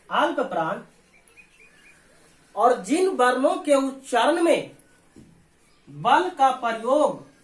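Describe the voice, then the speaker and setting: A man with a Bihari Hindi accent teaching a board exam lesson, explaining step by step and answering his own questions. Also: very high voice. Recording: roomy echo.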